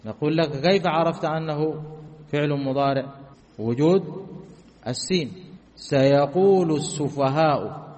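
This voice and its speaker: A man's voice: fairly high pitch, unhurried, pauses often, a little mellow, long reverb tail. Male teacher quizzing his class. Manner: asks the class questions and answers them himself, repeats key phrases. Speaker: grammar teacher. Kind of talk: classroom lesson explaining grammar.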